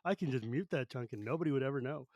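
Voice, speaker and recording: A man's voice: mid-range voice, fast talker, darkish tone, dry recording, muffled recording. A man hosting a podcast in a chatty, wry, casual style, often restarting his thoughts. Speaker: podcast host. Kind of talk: casual chat.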